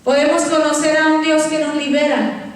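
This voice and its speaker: A woman's voice: sits high, flat delivery, normal speed, a little hiss or hum. Woman pastor, fervent sermon, long church reverb. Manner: fervent preaching, addresses congregation as beloved. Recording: echoey church hall from far off.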